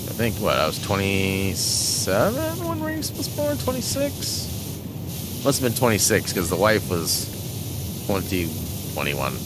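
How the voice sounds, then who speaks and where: A man in his forties with a deep voice rambles through casual chat while playing a game. He talks unhurriedly but with a lively, swooping lilt and chuckles often, over a steady background hiss. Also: unhurried. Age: 40s. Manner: rambling, chuckling, with many fillers. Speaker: gaming channel host.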